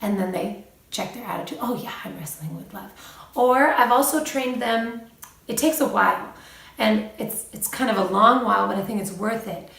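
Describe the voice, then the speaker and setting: A young mother talks through parenting advice in a casual vlog, chatty and quick to laugh. Her voice sits a little high with a gravelly edge. She sounds set back from the mic in an echoey room. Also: recorded from a distance. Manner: chatty, laughs often, animated when quoting her children. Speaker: mom vlogger giving parenting advice.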